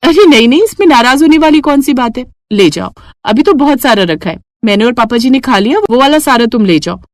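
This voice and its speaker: A woman voicing a gentle but firm young bride in a cartoon, speaking earnestly. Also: sits high, animated, a little fast, no room sound.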